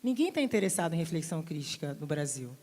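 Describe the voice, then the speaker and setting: A Brazilian woman speaking on a literary panel, animated and mimicking other people with playful put-on voices. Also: low-pitched, fast talker. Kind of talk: lively panel talk. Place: large hall at a literary festival. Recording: long hall reverb.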